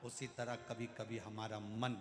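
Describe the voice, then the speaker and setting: A man giving a devotional sermon, telling a story in an animated, lively way before a large gathering. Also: fairly low pitch, measured pace. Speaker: katha preacher. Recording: echoey hall over a PA.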